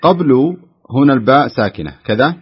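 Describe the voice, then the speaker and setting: A man with a husky voice explains and corrects a caller's pronunciation at a quick clip. He speaks in a plain teaching manner on a call-in program. The sound is slightly muffled. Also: mid-range voice, expressive. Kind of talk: radio call-in instruction. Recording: slightly muffled radio broadcast.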